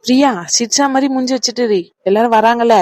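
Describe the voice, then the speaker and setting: A woman plays a cartoon aunt who rushes around running a wedding and rapidly gives orders. Her voice is fairly high, and the recording is dry and close. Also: steady tone, darkish tone, dry recording, close to an everyday voice. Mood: bossy. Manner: brisk, bossy instructions. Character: bustling woman relative organizing a wedding.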